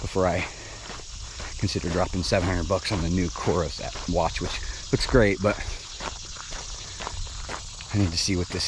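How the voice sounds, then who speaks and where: A man's voice: deep voice, level tone, moderate pace, long pauses. A man talking casually and out of breath while running outdoors in a park, recorded on an action camera. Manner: chatty, casual, with fillers. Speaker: vlogger. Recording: outdoor camera audio with insect noise.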